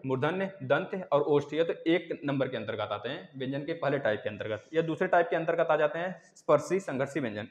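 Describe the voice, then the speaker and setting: A man's voice: fairly high pitch, muffled recording. A man teaching grammar in an online exam-prep lesson, repeating sounds aloud and asking and answering his own questions. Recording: echoey room with long reverb.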